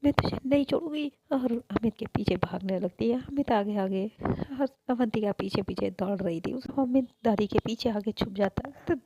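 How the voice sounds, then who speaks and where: Woman narrating a story in a mellow voice. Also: medium pitch, normal speed, slightly rough.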